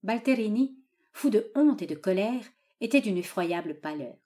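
A woman reading a classic novel aloud in measured narration. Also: mid-range voice, animated, warm tone. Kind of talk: audiobook narration.

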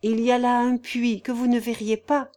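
A woman's voice: a little high, flat delivery, normal speed, dark tone, lightly acted. A woman reading a novel aloud voices a simple, devout young peasant girl with artless, rustic phrasing. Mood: earnest. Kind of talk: audiobook character voice.

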